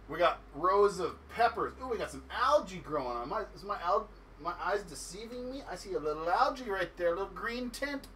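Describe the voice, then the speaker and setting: A man's voice: fairly high pitch, pushed and bright, slight background noise. Rambling, swearing home grower man. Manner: rambling, swears constantly, laughs often. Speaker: home grow vlogger. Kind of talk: casual livestream chat.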